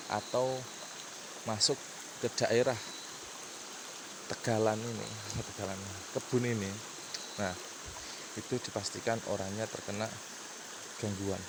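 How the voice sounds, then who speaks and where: A young Indonesian man with a lowish voice guides a night exploration vlog beside a rural river, speaking haltingly and casually and often repeating words as a local guide. The outdoor recording is noisy with crickets, insects and a running stream.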